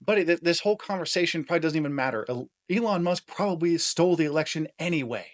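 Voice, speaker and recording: A man's voice: a little high, lively intonation, quick pace, natural voice. A man playing a dismissive, defeatist protest voter in a scripted political skit where he argues with himself. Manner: arguing with himself in a staged two-sided debate.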